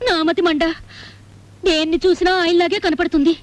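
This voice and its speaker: A woman's voice: very high-pitched, fairly even intonation, normal speed, background noise. An actress playing a devoted married woman, tearful and pleading about her absent husband. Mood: lamenting. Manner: tearful, pleading, then apologetic. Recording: film soundtrack with loud music.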